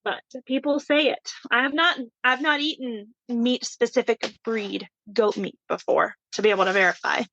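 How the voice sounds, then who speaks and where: A woman's voice: on the high side, normal speed, vocal fry, hardly any pauses, fairly bright tone, dry recording. A woman, a homesteading guest in a casual interview, talking in a friendly, thoughtful way with frequent ums. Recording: dull lo-fi sound.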